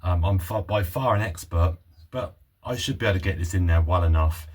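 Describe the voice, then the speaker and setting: Husky low-voiced man in a garage. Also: brisk, darkish tone. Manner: chatty, self-doubting, thinking aloud. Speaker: car restoration vlogger. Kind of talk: casual workshop vlog commentary. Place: home garage, under a car.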